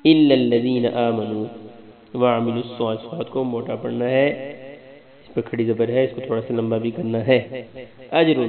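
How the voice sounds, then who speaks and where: A male Islamic scholar giving a religious lesson, explaining pronunciation rules step by step and drawing out sample words slowly. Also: medium pitch. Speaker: Islamic scholar teaching Quran recitation. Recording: tinny, echoey recording with an audience.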